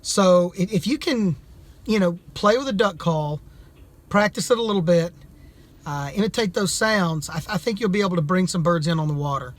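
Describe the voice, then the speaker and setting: High-pitched man, casual hands-on demo. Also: normal speed. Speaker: amateur duck hunter reviewing calls. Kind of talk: casual product demonstration.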